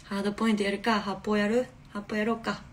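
A woman hosting a casual live stream from her home on a phone, chatting in a relaxed way and answering viewers' comments. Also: medium pitch, fast talker, slight background noise. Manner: chatty and relaxed, often laughing softly.

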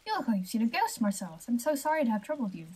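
A woman's voice: fairly high pitch, sing-song, very fast, a little mellow, breathy edge. A woman voicing a kindly, teasing young noblewoman.

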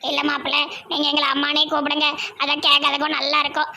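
A woman's voice: high voice, completely flat delivery, sharp tone, a little hiss or hum, full character voice. A woman voicing a chatty, generous middle-aged village aunt with a Tirunelveli Tamil accent. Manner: gossipy, fast chatter.

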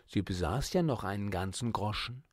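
A man reading a children's storybook aloud as audiobook narrator, in a calm, measured manner. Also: on the low side, no echo, clean studio sound.

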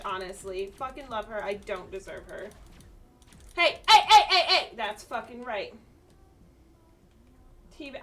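A woman streamer with a high, bright voice chats loosely through her gameplay, swearing freely and bursting into loud outbursts. She sounds a little off-mic, with faint game music playing behind her. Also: far from the mic. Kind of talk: casual gameplay chat.

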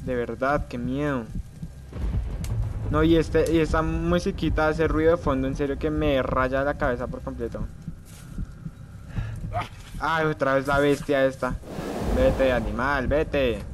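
A man's voice: mid-range voice, steady tone, measured pace, pauses often, noisy background. A young man playing a horror game, muttering to himself and shrieking at the scares. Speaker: gamer.

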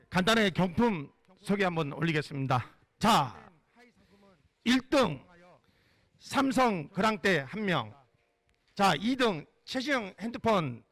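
A man's voice: sits high, a bit bright, dry recording. A man hosting a live prize draw, speaking in a formal, polite event-announcer style.

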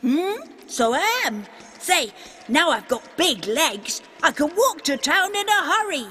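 A woman's voice: high voice, sing-song, unhurried, noisy background. A woman voicing a small male clockwork toy mouse that runs on a spring, talking in a childlike, pleading way. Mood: eager. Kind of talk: cartoon voice acting.

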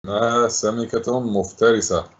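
A man's voice: on the low side, fairly even intonation, highs cut off. A male teacher giving a lesson, sounding words out syllable by syllable and asking his pupils questions. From Egypt. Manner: slow, syllable-by-syllable explanation, asks pupils questions. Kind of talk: classroom lesson.

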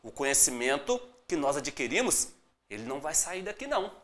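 A Brazilian-accented teacher running a live exam-prep class, voice swooping up and down with every point. The tone is bright and forceful, and the delivery is upbeat, encouraging and full of direct greetings to viewers. Words get broken into slow, drawn-out syllables to make each rule clear. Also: mid-range voice, very animated. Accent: Brazilian Portuguese.

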